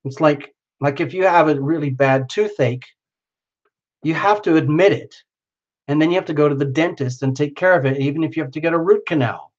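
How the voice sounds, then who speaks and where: This man's voice is on the high side and fairly quick, heard through a muffled recording as he hosts a live stream tarot reading. Exuberant and chatty despite losing his voice, he talks straight to the viewer and uses their name.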